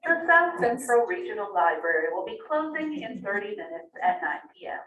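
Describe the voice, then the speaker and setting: A woman making a formal closing announcement in a library over a public address loudspeaker. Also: mid-range voice, very animated, fairly quick. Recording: far-off, roomy, dull loudspeaker sound.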